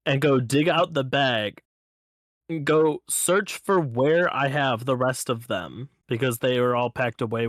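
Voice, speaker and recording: A man co-hosting a podcast in casual chat, telling stories in an easygoing, teasing way with halting restarts. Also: medium pitch, a bit bright, no echo, clean studio sound. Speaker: podcast co-host.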